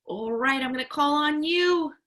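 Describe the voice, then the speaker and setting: In a read-aloud lesson, a woman with a high, fairly bright voice teaches young children. She gives simple instructions and stretches key words out in a sing-song way, encouraging and praising her young learners.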